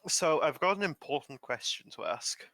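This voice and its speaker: A man's voice: a little high, animated, moderate pace, heavy background noise. A man chatting casually as a player in a tabletop roleplaying game.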